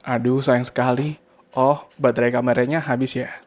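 Man acting as friendly male blogger, radio dialogue, casual, questioning, mid-pitched. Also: flat delivery, normal speed, natural voice. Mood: disappointed.

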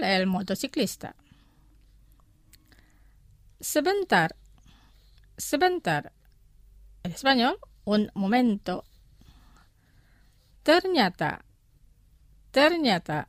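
A woman teaching a language lesson, speaking slowly and deliberately, repeating each word twice for listeners. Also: a little high, fairly bright tone, no echo, clean studio sound.

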